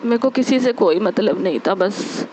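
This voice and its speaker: A young woman telling a heartfelt spiritual testimony, earnest and repetitive, with many pauses and fillers. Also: medium pitch, animated, warm tone, a little hiss or hum. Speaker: devotee sharing a testimony. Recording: dull lo-fi recording.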